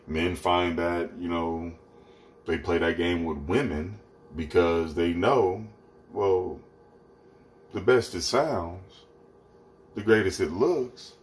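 A man's voice: sits low, slight background noise, low-quality recording. A podcast host talking alone in a blunt, preachy way, swearing freely while he makes dinner at home. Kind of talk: casual solo monologue. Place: home kitchen, cooking dinner.

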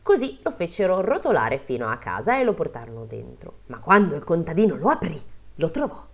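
A woman's voice: sits low, fairly quick. A woman hosting a podcast, reading a folk tale aloud with joking asides and frequent laughter. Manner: expressive, laughs easily.

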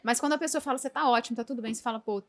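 A woman TV presenter with a Brazilian accent, talking fast and reflectively in casual chat. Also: on the high side. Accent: Brazilian Portuguese.

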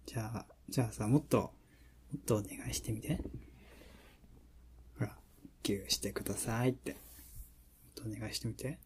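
A man playing a teasing, affectionate young boyfriend murmuring intimate pillow talk in a soft, breathy voice with a Kansai accent. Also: on the low side, normal speed, pauses often, slight background noise, lightly acted. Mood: sleepy, teasing.

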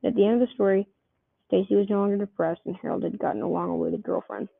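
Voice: medium pitch, steady tone, fast, gravelly, no room sound. A person reading a homemade comic story aloud, keeping the characters' voices close to their own. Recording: tinny phone-like dry recording.

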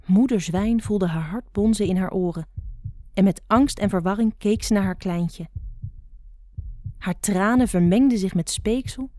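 A woman's voice: mid-range voice, mellow, no room sound, clean studio sound. A woman narrating a children's fable expressively as a storyteller. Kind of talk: read-aloud fable narration.

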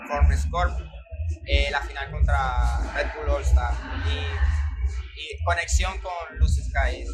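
A young man with a Venezuelan Spanish accent, a breakdancer telling his story in a casual interview, earnest and animated. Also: a little high, slow, rough recording. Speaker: breakdancer guest. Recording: loud music underneath.

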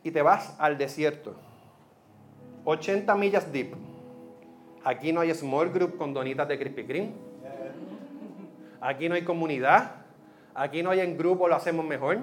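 A man preaching a sermon as pastor, in a lively, conversational way that drops in English words. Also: on the high side, measured pace, pauses often, soft background music.

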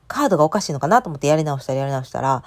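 A woman's voice: low-pitched, very animated, racing, a little mellow. A woman in her thirties with a Kansai accent, telling a personal story in a chatty, emotional way with many fillers. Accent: Kansai Japanese. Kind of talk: casual storytelling monologue.

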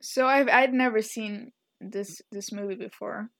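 A woman's voice: mid-range voice, fairly even intonation, measured pace, gravelly, no room sound. A woman in her twenties co-hosting a podcast in casual chat, with dry, blunt asides. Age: 20s. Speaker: podcast co-host.

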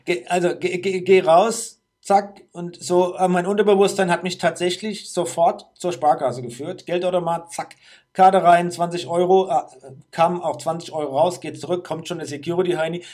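A man's voice: high voice, steady tone, normal speed, darkish tone. A man telling a story in casual chat, acting out the dialogue and laughing often.

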